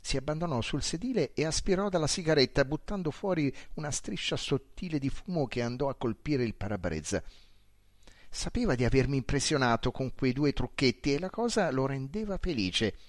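A man reading a story aloud in the first person, with calm, measured narration. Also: medium pitch, no echo, clean studio sound. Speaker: audiobook narrator.

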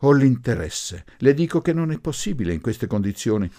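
A man voicing a wary young gentleman who answers stiffly and indignantly. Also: medium pitch, big pitch swings, moderate pace, pitched above the performer's own voice.

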